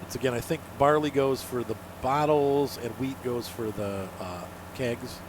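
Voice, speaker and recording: A gaming channel host, a man sick with allergies and badly stuffed up, rambles through casual, folksy commentary. His mid-range voice moves at a measured pace and sounds thick and congested. There's noticeable noise behind him in the recording.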